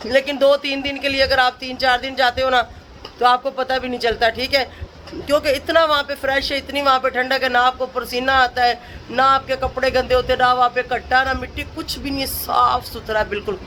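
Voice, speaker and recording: A woman's voice: high-pitched, level tone, fairly quick, fairly bright tone, a little hiss or hum. A woman from Pakistan, chatting to camera in a casual family vlog, tired, laughing often and calling out to relatives. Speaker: family vlogger.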